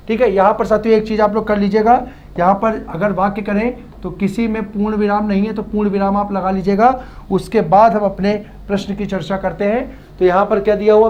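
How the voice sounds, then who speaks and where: A man's voice: high voice, lo-fi sound. A male teacher working through exam practice questions, often asking a question back and repeating the answer, stretching out key syllables. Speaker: Hindi exam-prep teacher. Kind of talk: classroom-style lesson.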